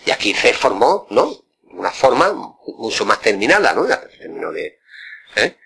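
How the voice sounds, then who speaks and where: Older man, rambling, bright voice. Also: on the low side, huge pitch swings, moderate pace, gravelly, husky. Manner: rambling, repeats words, frequent tag questions. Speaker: interviewee, flamenco guitarist. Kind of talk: casual reminiscing.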